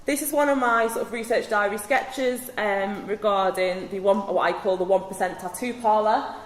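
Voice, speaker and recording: A woman's voice: medium pitch, normal speed. A woman with a Scouse accent giving an informal academic talk, chatty and self-deprecating with lots of filler ums. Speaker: lecturer presenting research. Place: workshop venue indoors. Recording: echoey hall with long reverb, faint noise.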